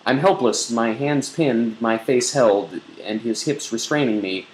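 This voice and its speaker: With a medium-pitched voice and a slightly slow delivery, a male blogger gives a mock-sensual, theatrical reading of an erotic novel. The audio sounds roomy and echoey, with a faint bit of background noise.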